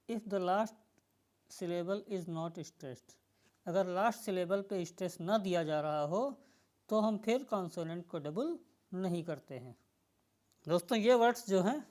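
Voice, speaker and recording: A woman, teaching spelling rules to exam students in a slow, explaining manner. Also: fairly low pitch, warm tone. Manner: slow explanatory teaching, addresses viewers as friends. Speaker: English teacher.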